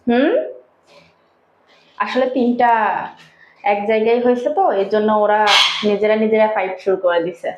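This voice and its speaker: A woman vlogging at home, chatting to her viewers and coaxing her pet birds in a sing-song voice. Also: heavy background noise. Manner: coaxing, sing-song baby talk to the birds, rising high when calling them. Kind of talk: casual vlog chat, talking to her pet birds. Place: home, indoors. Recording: echoey room, dull lo-fi sound.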